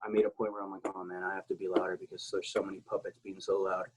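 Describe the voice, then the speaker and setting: A military veteran from South Texas appears as a podcast guest, talking casually, candidly, and at length while swearing freely. His deep voice is level in tone, slightly rough, and races along, though the audio is poor.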